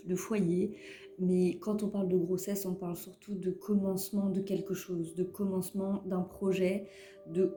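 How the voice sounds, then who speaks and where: A woman's voice: mid-range voice, creaky, mellow. A woman giving a casual weekly card reading, talking hesitantly with many fillers and repeated words. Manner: self-mocking about her English. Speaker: tarot reader giving a weekly guidance. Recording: roomy echo with faint music behind.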